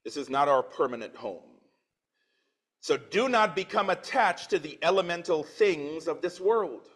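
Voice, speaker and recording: A man's voice: a little high, lively intonation, a little slow, fairly bright tone. A man in his forties from Trinidad, preaching a sermon in church, reading scripture with swelling emphasis and dropping into plain conversational asides. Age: 40s.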